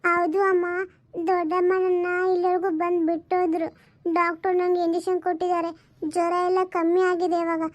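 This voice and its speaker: A woman plays a small, earnest daughter who is recovering from a fever, with a very high and flat voice that keeps asking and pleading. This is a homemade family drama recorded dry and close. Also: brisk, no echo. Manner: pleading and questioning. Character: little daughter, sick, caring and earnest.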